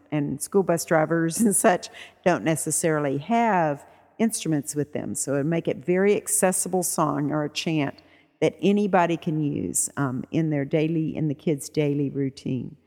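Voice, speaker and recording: A woman music therapist talking casually with fillers and singing short chants in a high voice to show how they go. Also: long reverb tail. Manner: relaxed, conversational, with many fillers. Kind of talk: podcast talk on teaching songs.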